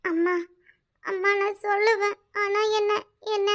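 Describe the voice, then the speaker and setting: A woman's voice: very high-pitched, flat delivery, a little slow. A woman voicing a secretive, vengeful young village daughter in a cartoon, with a Kanyakumari Tamil accent and a pleading, resentful manner. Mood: evasive. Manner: pleading, then cold and resentful. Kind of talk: cartoon voice acting.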